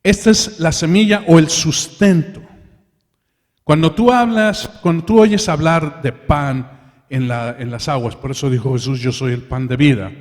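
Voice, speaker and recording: A man's voice: medium pitch, fairly even intonation, normal speed, darkish tone. A man preaching a sermon in church, calling his listeners brothers and leading them in prayer. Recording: reverberant hall.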